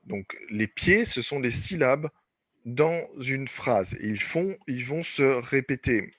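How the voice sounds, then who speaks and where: A man's voice: mid-range voice, lively intonation, slow pace, slight background noise. A man teaching an online class, explaining patiently and repeating points with many fillers. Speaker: French teacher.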